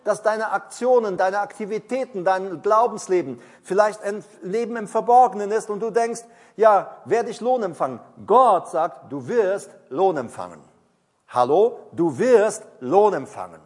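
High-voiced preacher in a reverberant hall. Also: male voice. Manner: emphatic, repeats key phrases, slows down to read scripture. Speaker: pastor. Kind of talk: sermon.

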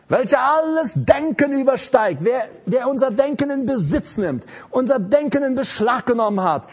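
A man's voice: extremely high pitch, breathy edge. A man preaching an emphatic sermon to a congregation and repeating his key lines. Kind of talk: live sermon.

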